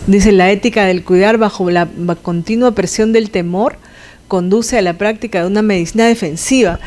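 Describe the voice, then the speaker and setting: A woman's voice: mid-range voice, a little mellow. A woman giving a conversational lecture to health students, asking the class questions and adding sound effects.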